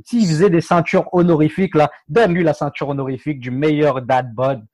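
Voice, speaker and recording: A man talks casually about combat sports, his voice sitting a little high for a man. He hesitates, restarts and jokes along the way. The recording is close and dry, with no room sound. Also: steady tone, a little mellow, no room sound. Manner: halting, many fillers and restarts, playful. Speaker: MMA podcast co-host.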